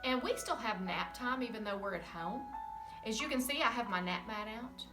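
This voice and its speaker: A woman kindergarten teacher speaking from home to young children, gentle and encouraging, in a remote lesson. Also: on the high side, expressive, moderate pace, distant mic. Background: soft music.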